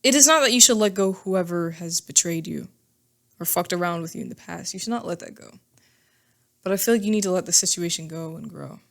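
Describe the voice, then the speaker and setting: A woman with a somewhat low voice talks through a tarot reading in a casual, chatty way. She reassures her listeners and keeps tagging her points with quick check-ins. The delivery is informal and full of little asides. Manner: reassuring, ends many phrases with "okay?" and "all right?". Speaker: tarot reader. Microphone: microphone.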